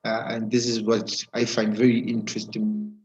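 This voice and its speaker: A man hosting a live webinar interview over an online video call with a weak connection, talking haltingly with many fillers and restarts. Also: lowish voice, completely flat delivery. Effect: heard over an online video call with a weak connection. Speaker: webinar host. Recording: dull, muffled video call audio.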